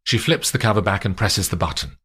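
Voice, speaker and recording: Low-voiced male storyteller. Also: brisk, husky. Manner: steady, descriptive storytelling. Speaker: narrator. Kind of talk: scripted audiobook narration.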